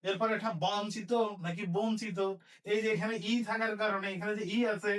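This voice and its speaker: A man with a high voice teaches an online lesson, breaking words slowly into syllables and asking his students question after question. He sounds set back from the microphone. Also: fairly even intonation, a bit bright, distant mic.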